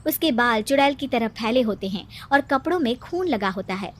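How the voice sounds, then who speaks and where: A high-voiced woman narrates a scripted cartoon story. She tells it as a storyteller between the characters' lines. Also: lively intonation, moderate pace, slight background noise.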